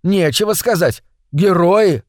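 A man's voice: high-pitched, takes it slowly, a little mellow, dry recording, clean studio sound, voice pushed up. A man voicing an indignant, upright small brother who speaks up in outrage. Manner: indignant, raised voice.

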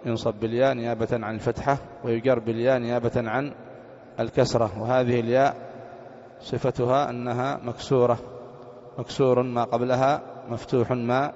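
Male teacher, grammar class, monotone delivery, quizzes students; long reverb, muffled sound. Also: mid-range voice, brisk. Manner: repeats points and quizzes students. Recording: dull recording with long hall reverb.

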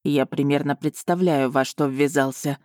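A woman voicing a smug, teasing young male duke in an audiobook, speaking in a lowered, self-assured drawl. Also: steady tone, moderate pace, darkish tone, no echo, clean studio sound, close to an everyday voice. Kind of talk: audiobook character voice.

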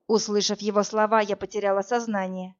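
A woman's voice: mid-range voice, level tone, brisk, muffled recording. A woman narrating a first-person audiobook in a tense storytelling manner.

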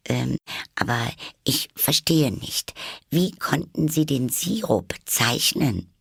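A man doing Alice from the storybook, a curious little girl who keeps protesting in a breathy, half-whispered voice pushed well above his own, with a husky edge. She sounds earnest and easily offended, in a dry, close recording. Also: mid-range voice, wildly swooping pitch, normal speed, fairly bright tone, no echo, voice pushed up, exaggerated voice. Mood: indignant.

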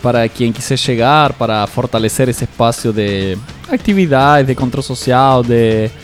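Recife-accented man, radio host, casual, conversational, mid-range pitch. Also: normal speed, soft background music. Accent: Recife, Brazil. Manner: relaxed and conversational. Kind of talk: community radio hosting.

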